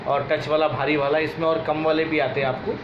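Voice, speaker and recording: A man's voice: fairly high pitch, flat delivery, brisk. A man giving an informal, repetitive product demonstration as a shopkeeper, recorded on a phone in a small room. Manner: repetitive, instructive sales patter. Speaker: shopkeeper and seller of household goods. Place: small indoor shop room with shelves of crockery. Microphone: phone camera a short distance away. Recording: muffled, noisy, echoey phone video.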